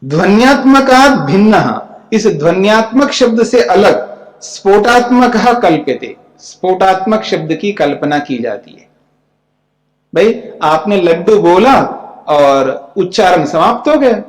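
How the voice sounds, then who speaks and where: A man's voice: high-pitched, expressive, measured pace. A man, a spiritual teacher, giving a scripture commentary lecture; he reads Sanskrit lines, then explains each in plain speech and keeps checking that his listeners follow. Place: ashram lecture hall. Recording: echoey hall with long reverb.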